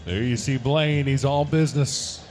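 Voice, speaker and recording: A man's voice: medium pitch, normal speed, faint music behind. A man announcing a rodeo live, calling the runs with rising energy and reading sponsor and event notices. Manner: energetic, swells to shouts on runs.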